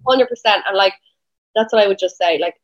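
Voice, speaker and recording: An Irish woman in a casual chat as a guest, talking fast and loose with lots of "like" and plenty of swearing. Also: mid-range voice, lo-fi sound. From Ireland. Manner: rapid, chatty, peppered with swearing and "like". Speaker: guest, spray tan business owner.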